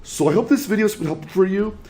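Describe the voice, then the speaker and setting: His voice is high-pitched and mellow, and it's fading because he's sick. Hosting his channel, he explains his view of the market, taking each point in sequence in a measured way.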